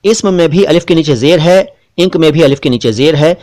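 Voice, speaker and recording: A man, hosting a spelling lesson and explaining words slowly and carefully, letter by letter. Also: a little high, a little mellow. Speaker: Urdu language teacher.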